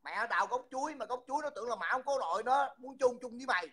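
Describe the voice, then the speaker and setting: A man's voice: very high-pitched, expressive, fast, over a noisy crowd. A man, hosting a livestream and mockingly insulting someone over and over. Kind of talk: heated livestream taunting.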